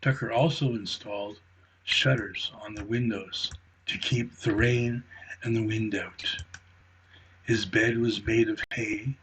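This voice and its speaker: A man reading a children's bedtime story aloud in a slow, gentle way. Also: lowish voice, steady tone, a little hiss or hum, low-quality recording.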